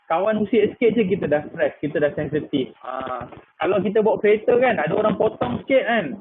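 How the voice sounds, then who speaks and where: A man's voice: high-pitched, expressive, brisk. A man in his thirties with a Malaysian Malay accent, giving a chatty live product talk full of "ah" fillers and English words. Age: 30s. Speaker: product presenter. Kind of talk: live online sales talk. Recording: tinny phone-like line with faint noise.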